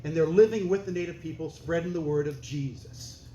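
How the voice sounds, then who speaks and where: A man's voice: a little high, a little fast. A man doing stand-up comedy, telling a story in a dry, conversational, punchy way. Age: older. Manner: deadpan, conversational, punchy delivery. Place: comedy stage before a laughing audience. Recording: echoey club room, faint hiss.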